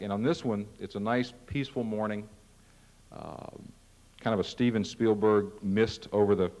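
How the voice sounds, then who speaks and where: A man with a fairly low voice talks staff through a set of ads. He is casual and pokes fun at himself now and then. His voice carries the long reverb of a large conference hall. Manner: casual, self-deprecating, acts out ad lines. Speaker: marketing presenter at a company meeting. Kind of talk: presentation to staff.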